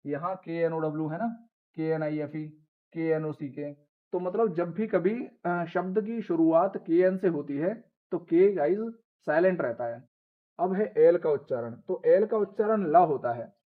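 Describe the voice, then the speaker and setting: A man with a fairly high voice gives a patient pronunciation lesson, spelling out words letter by letter and restating each rule. The sound is thin and tinny, like a phone line, and he keeps calling his viewers "guys". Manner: explains step by step, repeating rules and spelling out letters. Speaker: English pronunciation teacher. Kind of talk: Hindi classroom-style lesson.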